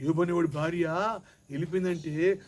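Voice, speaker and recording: A man preaching a sermon as pastor, repeating his lines and calling on the congregation to answer loudly. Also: fairly high pitch, steady tone, normal speed. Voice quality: calls for loud amens and repeats. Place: church hall with congregation. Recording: loud congregation noise. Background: congregation responding.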